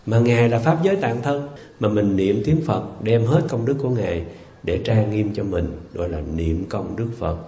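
A man's voice: fairly low pitch, warm tone. A man giving an earnest, emphatic Buddhist dharma talk, often repeating words as he explains. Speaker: Buddhist teacher. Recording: roomy, dull lo-fi sound with faint music.

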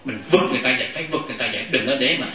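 A man giving a Buddhist dharma talk to a gathering, animated, often laughing and acting out what people say. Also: mid-range voice, very fast. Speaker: Buddhist lay teacher. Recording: echoey hall, mic far off.

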